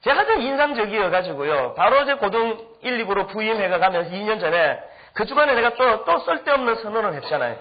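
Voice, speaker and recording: Animated high-voiced male pastor, lo-fi. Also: fast talker, hardly any pauses. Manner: animated, humorous anecdotes with acted-out quotes. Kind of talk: storytelling sermon. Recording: dull lo-fi recording.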